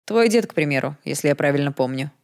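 A woman's voice: deep voice, animated, quick pace, darkish tone, voice pushed down. A woman voicing an arrogant, mocking young male prince in an audiobook, with a smug, teasing manner. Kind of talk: audiobook character voice.

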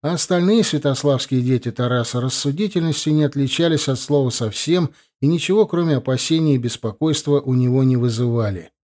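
A man narrates a story in an even, steady storytelling manner. His voice sits in a plain middle pitch range. It is a scripted reading, delivered evenly throughout. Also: brisk, few pauses. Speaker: audiobook narrator.

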